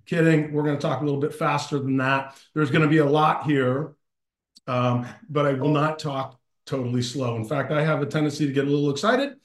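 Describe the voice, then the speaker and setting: A man's voice: a little high, reverberant. A man hosting a company video call, enthusiastic and chatty, joking with many fillers, speaking into a computer mic. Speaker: host of a company team call. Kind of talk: upbeat live video call presentation.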